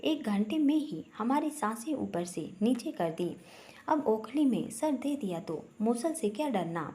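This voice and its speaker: A woman's voice: a little high, very animated, measured pace, mellow. A woman voicing a playful young woman who teaches maths, teasing and self-assured.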